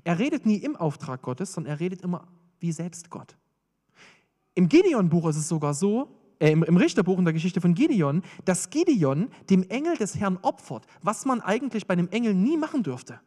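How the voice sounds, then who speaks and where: A man preaching a sermon, swinging between urgent emphasis and hushed intensity. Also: high-pitched, sing-song, brisk. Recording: long reverb of a hall.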